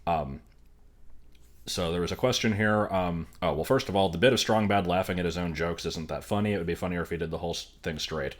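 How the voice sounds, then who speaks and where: Deep-voiced male streamer, wry and dry reaction chat. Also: brisk. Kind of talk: casual reaction commentary.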